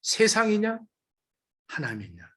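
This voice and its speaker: A woman pastor preaching a sermon with emphatic rhetorical questions, moving between loud calls and hushed asides. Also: medium pitch, huge pitch swings, unhurried, slightly rough.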